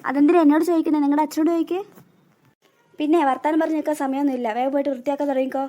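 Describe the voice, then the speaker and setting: A woman's voice: high-pitched, fairly even intonation, rapid-fire, mellow, close to an everyday voice. Woman voicing a bossy cruel stepmother. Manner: bossy, scolding, sly asides. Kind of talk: cartoon voice acting.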